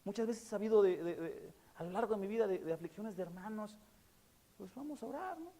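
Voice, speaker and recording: A man preaches in a fairly high voice, earnest and fond of repeating his key words. He leans on fillers between phrases. His sermon rings with the long reverb of a church hall. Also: fast talker, mellow. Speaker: pastor.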